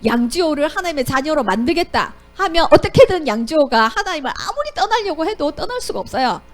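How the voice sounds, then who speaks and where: Brief: lively woman teacher, high and sing-song, quizzing children through a Bible story. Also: a little fast. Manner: animated, asks the children questions. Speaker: Sunday school teacher.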